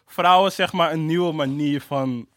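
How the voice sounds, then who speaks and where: A man's voice: a little high, a little slow, fairly bright tone, dry recording, clean studio sound. A young man chatting casually in urban Dutch street slang mixed with English words, as a podcast co-host. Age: young adult. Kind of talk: casual chat.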